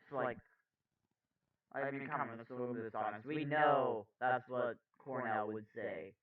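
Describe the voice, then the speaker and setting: A man's voice: mid-range voice, moderate pace. A man, a political commentator, reading the news aloud with blunt, profane, sarcastic asides. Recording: dull lo-fi sound, off-mic.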